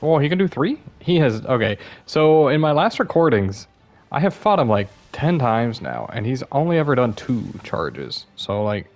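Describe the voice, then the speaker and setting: A man's voice: mid-range voice, big pitch swings, normal speed, faint music behind. A young man giving casual, self-deprecating commentary over his gameplay, sounding a bit worn out and apologizing often. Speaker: gaming YouTuber.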